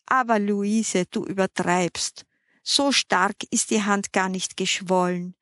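A woman voicing a calm, composed woman who speaks matter-of-factly. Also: mid-range voice, takes it slowly, no echo, clean studio sound.

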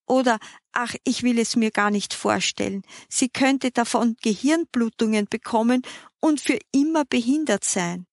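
A woman's voice: a little high, creaky, no room sound, studio quality. A woman voicing a frantic, fussy older woman cyclist who fires off worried questions. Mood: alarmed. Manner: anxious rapid questioning.

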